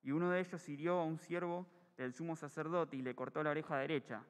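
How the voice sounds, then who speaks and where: Man, reading scripture aloud, slightly high voice, echoing church hall. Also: fast talker. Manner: steady reading, brief self-corrections. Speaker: scripture reader.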